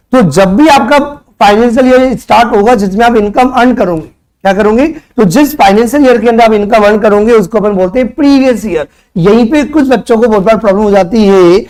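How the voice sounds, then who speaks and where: Brief: young Indian male tutor, high-pitched voice, conversational lecturing, keeps quizzing the class. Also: fairly quick, a little mellow. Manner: conversational, quizzes students with rhetorical questions; mixes Hindi with English terms.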